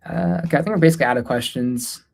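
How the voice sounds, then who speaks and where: A man from the Delhi area of North India hosts a casual, unscripted Q&A livestream, speaking Hindi, his first language, mixed with English. His fairly high, creaky voice races along, though he sounds tired and informal, hesitating and letting answers trail off.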